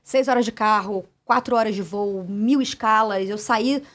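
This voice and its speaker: A woman DJ from Brazil, a guest on a podcast, talking in a direct and animated way and telling stories with quoted voices. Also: medium pitch, normal speed. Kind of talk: casual interview chat.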